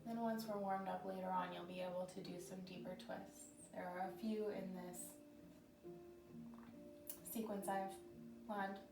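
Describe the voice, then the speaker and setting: A yoga teacher with a medium-pitched, slightly scratchy voice gives calm, gentle cues in a flat, even delivery, speaking a little slowly with long pauses and clearing her throat now and then. She sounds far from the mic in an echoey room, with soft background music underneath.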